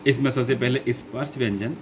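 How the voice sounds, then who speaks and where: A man teaching a grammar lesson who goes slowly, repeats his points and asks his own questions before answering them. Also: mid-range voice, steady tone, darkish tone, a little hiss or hum. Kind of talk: classroom lesson explaining grammar.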